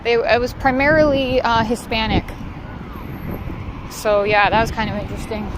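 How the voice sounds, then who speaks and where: Strolling outdoors, she talks at a normal pace in a slightly high voice, a woman from Southern California giving her livestream audience casual, candid chatter with the odd swear word. The background is noisy.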